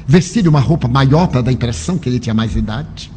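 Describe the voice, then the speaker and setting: A man telling a moving first-person story with emotion, slowing down and pausing for drama. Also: mid-range voice, lively intonation, a little mellow, a little hiss or hum. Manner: emotional, with dramatic pauses and slowed phrases.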